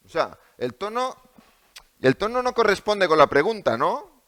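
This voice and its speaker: A man's voice: high-pitched, sing-song, measured pace, bright, forceful tone. A male preacher with a Spanish accent delivering a sermon in a church, asking the congregation many rhetorical questions. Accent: Spain.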